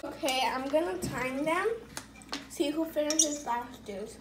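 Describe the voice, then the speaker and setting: A woman with a high voice casually calls out times and rules as a challenge timekeeper. She is recorded in an echoey kitchen with clattering in the background. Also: a little slow, background noise. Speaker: timekeeper off camera.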